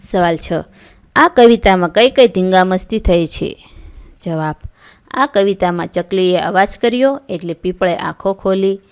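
A woman teacher reading a school lesson aloud, stating each question and then its answer clearly. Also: on the low side.

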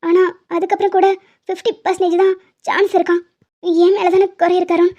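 A gentle young wife, voiced by a woman, pleads softly in an animated love drama. The voice is very high and mellow. The audio is muffled and lo-fi. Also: brisk. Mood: tearful. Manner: soft, pleading. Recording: dull lo-fi audio.

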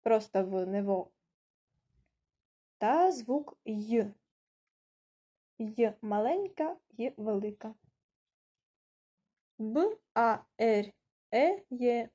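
Slow, mellow-voiced woman teaching letters. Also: a little high, expressive, muffled recording. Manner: slow, patient, spelling out words letter by letter. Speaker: language teacher. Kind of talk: online language lesson.

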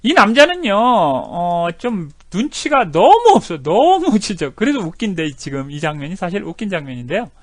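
A man teaching an English video lesson, animated, repeating words over and over to demonstrate how they sound. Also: sits high, moderate pace, hardly any pauses, no echo.

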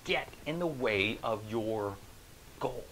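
A man in his forties, a motivational speaker, talking straight to the camera in an animated, joking way, recorded on a lapel mic in a small room. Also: medium pitch, takes it slowly, a little hiss or hum, rough recording. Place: small indoor room with a screen behind.

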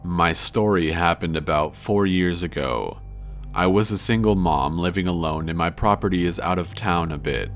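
Very deep-voiced man narrating horror. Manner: slow, low, measured storytelling. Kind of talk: scripted narration of true scary stories. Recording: faint music under the voice.

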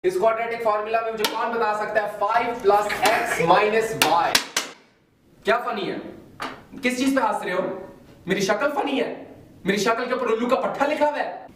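A harsh, mocking teacher, as a man plays him in a comedy sketch, barking orders at the class. The voice is fairly high, and it echoes in a room from a bit off the mic. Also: normal speed, recorded from a distance, background noise, close to an everyday voice. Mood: bossy. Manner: bossy, mocking, barked commands. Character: harsh, mocking male schoolteacher.

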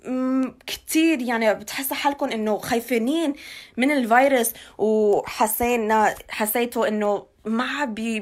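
A woman in her twenties with a Levantine Arabic accent, giving an informal live news update into a phone held at arm's length indoors. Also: fairly high pitch. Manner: code-switches between Arabic and English. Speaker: local news reporter giving community updates. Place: small indoor room.

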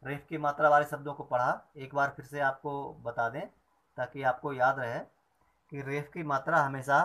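A man teaching Hindi reading, pronouncing each word clearly and deliberately, one at a time, like a classroom drill. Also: mid-range voice, fairly even intonation, fairly bright tone. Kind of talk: slow classroom reading lesson.

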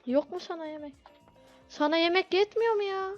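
Flustered high-voiced woman playing a game. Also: moderate pace. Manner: flustered, pleads with impatient customers. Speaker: gameplay video host. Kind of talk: casual gameplay commentary. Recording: dull lo-fi audio with game music.

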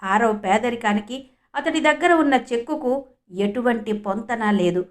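A woman's voice: fairly high pitch, normal speed. A woman narrating a story in a scripted read-aloud style, lightly acting out the quotes.

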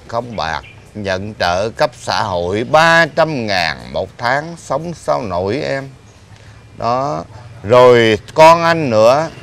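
Whiny blind ex-husband, slow draggy talk, bit of street noise behind. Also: male voice, mid-range voice, a bit bright. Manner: pleading, drawn-out complaints. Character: blind middle-aged man, self-pitying, talkative. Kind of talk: TV drama acting.

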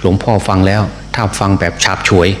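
An older man, a Buddhist monk with a Northeastern Thai accent, giving a sermon in slow, deliberate speech with many pauses and hesitations. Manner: frequent hesitation fillers. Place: temple hall. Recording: echoey hall recording with faint hum.

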